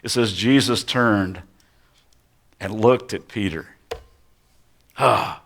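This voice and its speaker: A male pastor preaching a sermon as dramatic storytelling, slowing and dropping to hushed tones for effect. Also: medium pitch.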